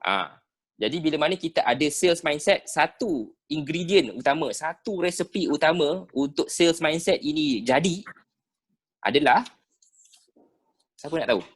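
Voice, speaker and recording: A Malaysian man with a Malay accent teaching sales skills in an online class over a video call, animated and dropping "ha" between phrases. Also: a little high, moderate pace, slightly rough. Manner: animated, peppered with "ha" and rhetorical checks. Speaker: sales trainer.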